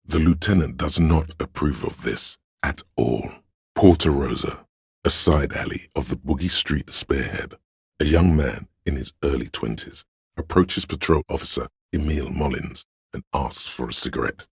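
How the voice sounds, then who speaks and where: Through a close, dry studio microphone with no echo, a man with a gravelly, extremely deep and husky voice narrates a game. His delivery is solemn and literary, each phrase measured out like a line of scripted drama.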